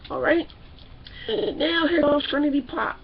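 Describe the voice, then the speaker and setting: A woman's voice: high-pitched, measured pace, dull audio, a little hiss or hum. A woman hosting a casual comedic TV recap in a brash, profane way, putting on voices for the people she describes. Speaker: TV show recap host.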